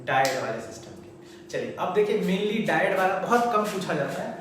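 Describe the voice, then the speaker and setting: A male chemistry teacher, lecturing at the board in a chatty, coaxing way and repeating terms slowly for students. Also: high voice, expressive, fairly bright tone. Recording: very echoey room, mic far off, faint noise.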